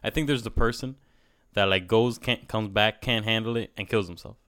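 Emphatic, talkative man with a lowish voice. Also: fairly even intonation, normal speed, a bit bright, clean tone, no room sound, studio quality. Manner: emphatic, talkative, says "bro" often. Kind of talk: casual conversational talk.

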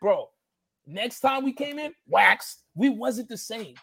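A grown man on a podcast telling an animated, slangy story, acting out the other people's lines in it. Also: extremely high pitch, slow, vocal fry, slightly rough. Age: adult.

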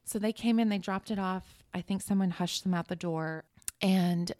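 A woman's voice: mid-range voice, moderate pace, darkish tone, dry recording, studio quality. A woman guest in a podcast interview, recounting a personal story in an earnest, emotional way with many restarts.

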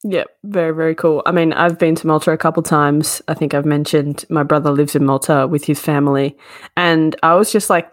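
A woman's voice: fairly low pitch, no room sound, clean studio sound. A woman in her twenties with an Australian accent, hosting a podcast in a casual, effusive, informal way. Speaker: podcast host. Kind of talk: casual chatty interviewing.

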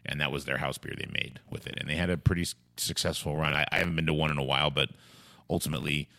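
Very deep, gravelly male podcast host. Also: steady tone, rapid-fire, bright, forceful tone, no room sound. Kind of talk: casual podcast talk.

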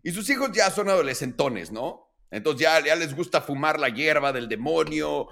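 A man's voice: on the high side, moderate pace, vocal fry, a little hiss or hum. A man in his late thirties with a Mexican accent, co-hosting a casual podcast chat and telling stories full of slang and swearing. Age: late 30s. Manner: animated, swearing slangy storyteller. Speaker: podcast co-host.

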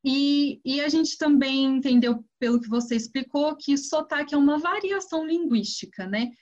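A woman's voice: high-pitched, normal speed, darkish tone. A woman podcast host interviewing a guest in a friendly, enthusiastic and polite way. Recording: dull lo-fi audio.

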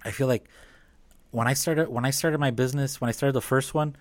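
Relaxed, halting male podcast guest. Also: medium pitch, dry recording. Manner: relaxed, halting with many restarts and fillers. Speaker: podcast guest, business owner. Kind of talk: casual conversation.

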